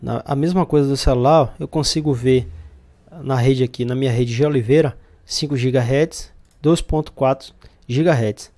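In this hands-on tech tutorial, a Brazilian man who owns a computer shop explains router setup one step at a time, talking through what's on the screen. He sounds casual, with a medium-pitched, slightly mellow voice at a moderate pace.

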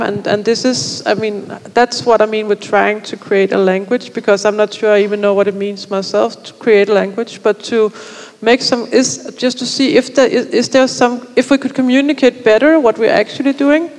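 A woman's voice: mid-range voice, a little mellow. A woman in her thirties, an artist and film school teacher, speaking reflectively and searching for words on a panel, with a headset mic in a seminar room. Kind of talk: panel discussion. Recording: reverberant room.

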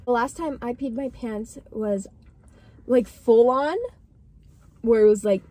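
A woman's voice: fairly high pitch, slow, mellow. A teenage girl chatting in a car, telling rambling, giggly stories. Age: teens. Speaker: co-host. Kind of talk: casual car chat. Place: inside a car.

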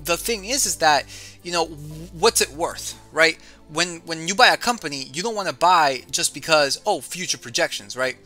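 A man with a voice on the high side hosts an investing show at a moderate pace, soft music playing behind him. In a casual market rundown, he chats lively with a guest, reads out stock figures, and says "dude."

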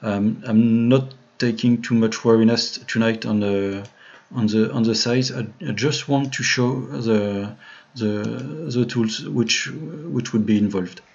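A man's voice: mid-range voice, slow pace, a little mellow. A man with a French accent giving a live tutorial on CAD modeling, talking through each step with many fillers and restarts while greeting viewers in the chat. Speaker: 3D modeling streamer. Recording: dull lo-fi home stream audio.

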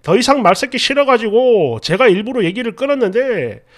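A man with a strikingly high, lively voice reads an online confession aloud in first person. He keeps stopping to react with incredulous commentary, his pitch leaping around as he goes. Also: fairly quick. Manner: animated, incredulous asides. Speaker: narrator reading viewer stories.

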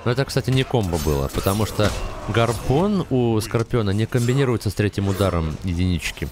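A man's voice: on the low side, lively intonation, fairly quick. A young man giving casual live gameplay commentary in short muttered reactions, on a close mic. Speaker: gamer commentator. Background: fighting game music and effects.

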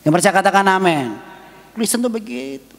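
A man preaching a sermon as pastor, telling emotional stories that rise to loud peaks and fall to soft asides. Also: high-pitched, sing-song, a little fast. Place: church hall. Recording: long reverb of a church hall.

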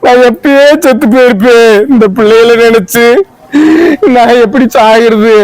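Guy doing a wailing worn-out village wife, super high voice, lamenting sing-song. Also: flat delivery, normal speed, smooth, no room sound, rough recording. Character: weeping village wife, worn-down mother of many. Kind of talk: comedy sketch acting.

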